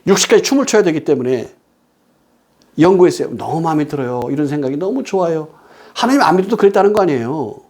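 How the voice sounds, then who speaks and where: A man preaching a sermon, who talks emphatically, asks rhetorical questions and moves between loud stresses and quiet storytelling. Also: a little high, lively intonation, quick pace.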